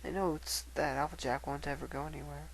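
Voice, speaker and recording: Gentle, sad young female pony played by a man, hushed and hesitant dramatic letter reading. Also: a little high, fairly even intonation, fairly quick, creaky, slight background noise, rough recording. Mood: sad, tender. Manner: soft, hesitant, wistful. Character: timid, sorrowful female pony writing to a friend.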